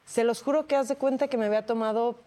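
A Mexican woman in her thirties on a talk show panel, telling personal stories in an animated way and acting out the voices she quotes. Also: fairly high pitch, quick pace. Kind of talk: casual chat.

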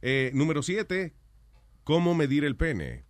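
A male host with a slightly high, animated voice and a Caribbean Spanish accent. He slips between Spanish and English in Spanglish while bantering and reading items from a list. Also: takes it slowly.

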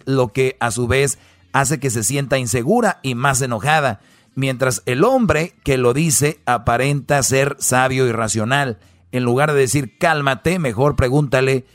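A man with a Mexican accent hosts a comic rant about a web article, his delivery crude and sarcastic. His voice sits at a middle pitch, and the recording is dry and close. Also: no room sound. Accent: Mexican Spanish. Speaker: show host. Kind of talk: comedic commentary on a web article.

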